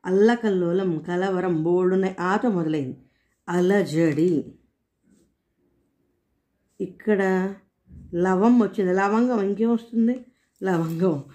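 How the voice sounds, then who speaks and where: A woman's voice: medium pitch, dark tone. Musing woman solving a crossword aloud. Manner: thinking aloud, slow and musing. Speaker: puzzle solver.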